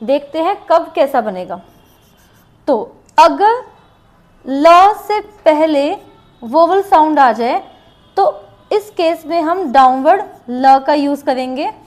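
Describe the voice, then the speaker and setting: High-pitched woman, unhurried shorthand teacher who repeats each example. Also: expressive, a little mellow. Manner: slow, repeats each example word twice. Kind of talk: classroom lesson with board writing.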